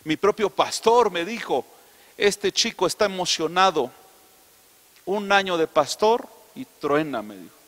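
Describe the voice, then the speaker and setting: A middle-aged man with a Mexican accent preaching a sermon, swinging from loud emphatic declarations to soft, confiding asides. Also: sits high, expressive, measured pace, in a large hall. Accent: Mexican Spanish. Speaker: apostle preaching.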